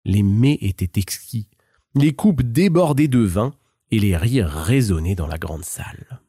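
A man narrating a fairy tale in a measured, expressive storybook style. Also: on the low side, husky, no room sound, studio quality.

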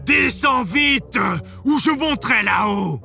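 A man's voice: lowish voice, unhurried, soft background music. Bluebeard, a cruel stern husband, read by a man. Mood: shouting. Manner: stern, threatening, shouting at times. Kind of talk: storybook reading.

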